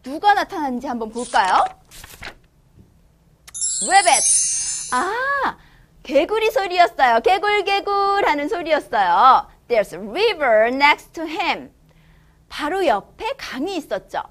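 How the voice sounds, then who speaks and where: A woman's voice: high voice, big pitch swings, unhurried, fairly bright tone. A woman tutor reads a children's picture book aloud and explains it in a playful, exclamatory teaching manner. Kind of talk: storybook read-aloud with explanation.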